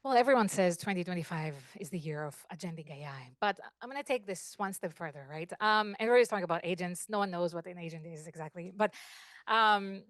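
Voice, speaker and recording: A woman's voice: lowish voice, fast, no room sound, clean studio sound. A woman with a Greek accent speaking at a meetup, demoing and checking in with the audience. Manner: animated, checks in with 'right?' and 'okay?'. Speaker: guest speaker. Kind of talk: fireside chat with live demos. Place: meetup classroom.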